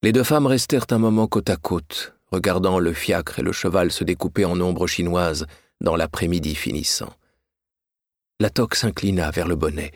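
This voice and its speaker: Brief: male narrator, low voice, dry close sound, measured storytelling. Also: no room sound. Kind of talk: scripted audiobook narration.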